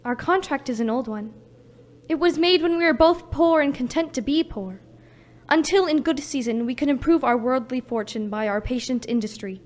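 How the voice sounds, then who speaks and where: A woman playing Belle in a live radio play, soft and earnest. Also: high-pitched, normal speed, lightly acted. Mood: sorrowful. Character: young woman Belle, gentle and heartbroken.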